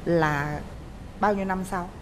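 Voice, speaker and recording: A woman's voice: lowish voice, steady tone, unhurried, over a noisy crowd. Middle-aged woman host in reverberant studio. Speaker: talk show host. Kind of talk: conversational interviewing. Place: TV studio stage. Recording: reverberant hall, faint noise.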